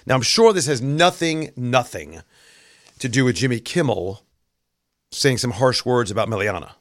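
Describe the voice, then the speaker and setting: A man's voice: medium pitch, lively intonation, normal speed, no echo. A male talk host from New York with a mid-range voice in a dry, close studio sound. He rambles through the news in a casual way and drops in sarcastic, wry asides. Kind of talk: casual political commentary.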